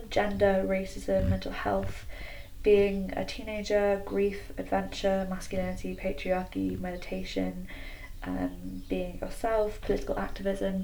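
This solo podcast comes from a small wooden garden shed, slightly echoey, where a nineteen-year-old woman chats casually while sounding hesitant and self-effacing. She has a mellow mid-range voice with vocal fry. The computer recording is rough and clicky, with background noise.

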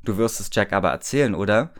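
A man voicing a young female friend in a read-aloud story, with a raised, quick and chatty delivery. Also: on the low side, expressive, natural voice.

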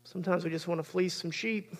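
A man's voice: sits high, fairly even intonation, fast. A man, preaching a sermon as pastor in an earnest, conversational way.

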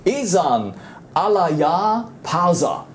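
A man's voice: sits high, sing-song, extremely slow, a little hiss or hum. A man hosting a casual studio talk show, chatty and playful, with a lot of fillers.

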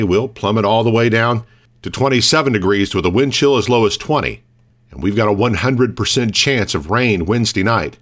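A man's voice: on the low side, fairly bright tone. An American man reading scripted local news as a radio morning host.

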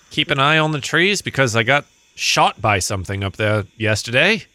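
Man, tabletop player, wry banter, bright tone, lively pitch. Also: moderate pace, no room sound. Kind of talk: casual tabletop play.

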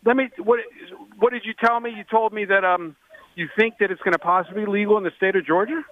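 A man from Baltimore co-hosting a sports betting radio show, calling in from a restaurant and telling stories in a talkative, energetic way. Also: high voice, fast. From Baltimore, Maryland. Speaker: co-host. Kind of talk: casual radio chat. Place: Mexican restaurant, phone call. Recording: tinny phone line.

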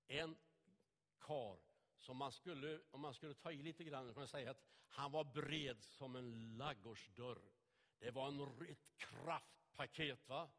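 A man's voice: a little high, fairly bright tone, big-room sound. A male preacher giving a sermon with vivid storytelling and anecdotes in a church.

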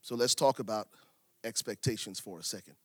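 A man from Liberia, middle-aged, preaching a sermon, repeating key phrases for emphasis with big swings in pitch and loudness. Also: fairly quick, husky, dry recording. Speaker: pastor.

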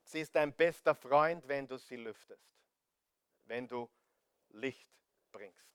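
Here a sermon comes from a man with an Austrian German accent, his smooth, medium-pitched voice unhurried and dryly recorded. Direct and pleading, he keeps urging his audience to listen, leans on rhetorical questions, and varies his loudness widely.

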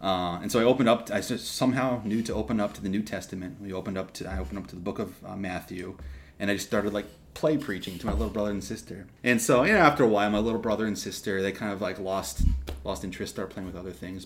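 A young man from Texas, a seminarian guest on a podcast, telling his story casually with lively restarts and asides. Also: fairly low pitch. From Texas, USA. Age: young adult. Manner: animated, quick asides and restarts.

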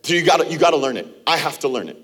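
A man in his thirties preaching from a church stage. His voice is husky and sits a little high for a man. He keeps it conversational, acting out small exchanges to make his points. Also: very animated, rapid-fire, fairly bright tone. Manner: conversational preaching with acted-out quotes and laughs. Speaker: pastor. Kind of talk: sermon. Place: church auditorium.

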